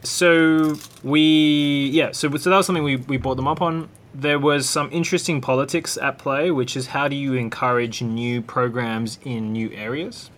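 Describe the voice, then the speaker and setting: A man speaks as an upbeat, confident guest in a casual panel discussion. His voice sits at a middle pitch and is full of casual fillers. Faint background noise sits behind him. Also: fairly even intonation, normal speed, hardly any pauses, fairly bright tone. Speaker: incubator organizer, guest.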